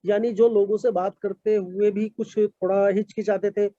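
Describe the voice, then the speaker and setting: A man's voice: high-pitched, flat delivery, normal speed, mellow, no room sound. Man, testimonial speaker, polite and hesitant, dry close sound, dull lo-fi audio. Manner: polite, many fillers and repeated "sir". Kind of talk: online meeting talk.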